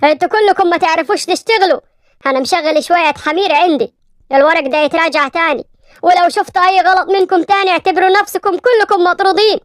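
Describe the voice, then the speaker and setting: A woman's voice: high voice, fast, dry recording, studio quality, natural voice. A woman voicing a hot-tempered rich young man of twenty-five with an Egyptian accent, snapping and scornful. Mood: angry. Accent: Egyptian Arabic.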